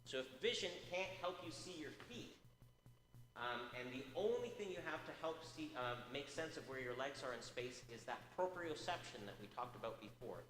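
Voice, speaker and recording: A man lecturing in public, a research speaker, with a mid-range voice, lively intonation, a moderate pace and a slightly bright tone. He questions the audience, says "uh" a lot, and sometimes drifts off the microphone. The large lecture hall gives echoey reverb, and there is slight background noise.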